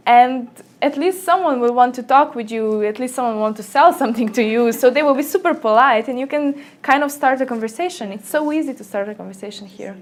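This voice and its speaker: This young woman from Slovenia talks in slightly high-pitched, second-language English. She tells stories in an animated way, often jumping into brighter voices to mimic the people she quotes. She sounds like she's in a small office room. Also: a little fast, few pauses. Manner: lively storyteller, acts out quotes in a higher voice. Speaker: guest. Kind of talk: casual interview chat.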